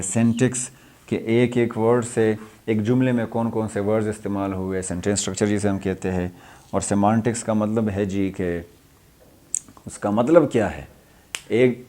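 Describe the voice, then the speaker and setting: A man's voice: on the low side, warm tone. A young adult man from Pakistan, an English lecturer explaining a lesson, repeating points and mixing in English terms.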